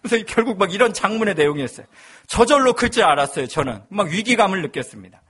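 A man's voice: sits high, sing-song, quick pace, fairly bright tone, slightly rough. A male pastor in his thirties, preaching a sermon with humorous personal storytelling.

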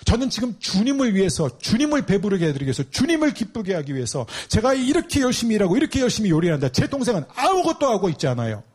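A man's voice: sits high, big pitch swings, moderate pace, a little mellow, pitched above the performer's own voice, full character voice. A man putting on an aggrieved, overworked woman. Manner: pleading, aggrieved, rising questions. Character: indignant overworked woman, complaining to her lord.

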